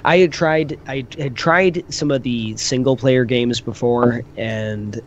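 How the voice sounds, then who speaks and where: A man with a medium-pitched voice shares opinions in casual panel talk. He thinks aloud, doubling back on words as he goes. Some faint noise sits in the recording. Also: slow pace, dull audio. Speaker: panelist on a gaming discussion show.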